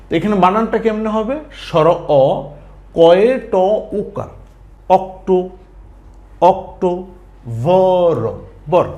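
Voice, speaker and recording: A man's voice: high-pitched, darkish tone. A man teaching a spelling lesson, spelling words out letter by letter and asking and answering his own questions. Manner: colloquial forms mixed into standard speech.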